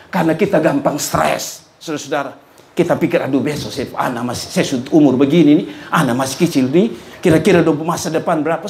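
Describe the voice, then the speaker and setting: A male pastor preaches with wide swings in pitch and volume. He stays animated and joking, rising to bursts and then dropping to low, quiet asides. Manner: lively, joking, swings between loud and soft. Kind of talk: sermon.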